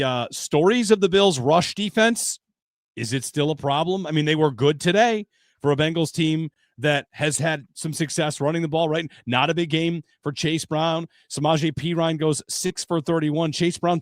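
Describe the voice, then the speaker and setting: A man hosting a football podcast in casual chat, his voice sitting a touch high and close to the mic with a dry, dead sound. He leads the talk, rattles off stats and tosses in plenty of easygoing fillers. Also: moderate pace, no room sound. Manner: stat-heavy, loose and chatty, leads the discussion. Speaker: sports podcast host.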